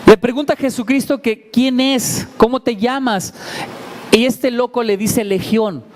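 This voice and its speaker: A man with a strikingly high voice leads a sermon, turning scripture into a vivid scene. He keeps drawing the congregation in with questions, over a faint hum of background noise. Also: steady tone, measured pace. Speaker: pastor. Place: church service before a congregation.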